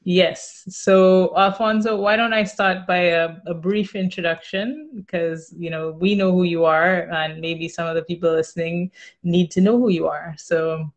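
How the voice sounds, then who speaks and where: A woman hosting a live interview over a video call. She speaks in a halting, easygoing way. Her talk is full of "you know" fillers. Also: fairly low pitch, fairly even intonation. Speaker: host.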